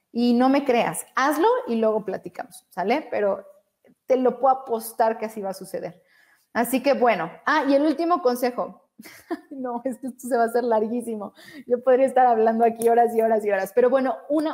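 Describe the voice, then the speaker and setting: A woman's voice: a little high, a little fast, a little mellow. A woman hosting a motivational live stream, encouraging viewers and reading out their comments. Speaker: live stream host and coach.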